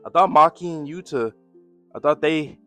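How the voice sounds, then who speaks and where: A man's voice: a little high, normal speed, faint music behind. Laid-back American man reacting to manga. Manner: slangy, laid-back, thinks out loud with restarts. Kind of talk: casual reaction commentary.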